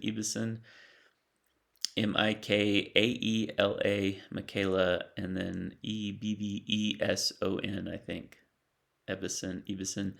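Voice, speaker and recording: A middle-aged man and spiritual teacher giving a slow, measured reflective talk with long pauses between phrases. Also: low-pitched, creaky.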